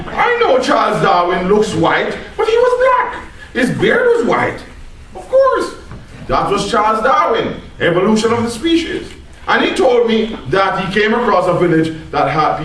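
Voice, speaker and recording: A mid-range woman's voice comes with a little hiss or hum. She performs a comic tall tale for an audience at a speech club, theatrical and mock-earnest, in an echoey indoor room where a distant microphone picks up a lot of echo.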